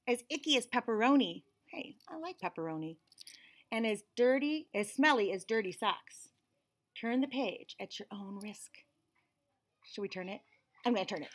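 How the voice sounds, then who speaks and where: A woman with a slightly bright voice on the high side reads a picture book aloud to young children. She is American, in her forties, and works as a read-aloud host and teacher, reading expressively and tossing in friendly teaching asides. The setting is a small indoor room with shelves and cabinets.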